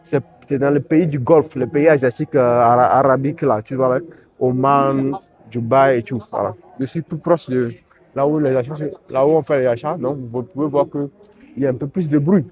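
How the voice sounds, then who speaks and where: A crowd can be heard behind a man filming on his phone at an outdoor used car auction. His mid-range voice keeps fairly even intonation at a moderate pace while he rambles casually, sprinkling in tags and asides.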